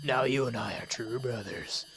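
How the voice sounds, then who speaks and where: A man voicing a burly male rock-creature chieftain from a video game, in a strained, throaty put-on voice with slow, solemn, overly earnest delivery, reading the game's dialogue aloud. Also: medium pitch, fairly bright tone, slight background noise, voice pushed down, lightly acted. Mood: creepy. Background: game music.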